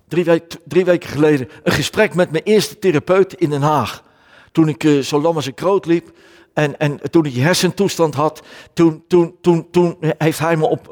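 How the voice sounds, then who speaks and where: A man preaches in Dutch, his fairly high voice often stumbling and repeating words. He lifts his voice when he reads scripture aloud. The sound rings with the long reverb of a church hall. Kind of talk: sermon.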